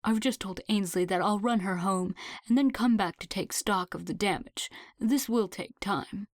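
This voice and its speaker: A calm, protective man, read by a woman in her natural middle pitch, measured and soothing. The sound is dry and close, as an audiobook. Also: no echo, lightly acted. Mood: gentle. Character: calm, protective man, police officer type.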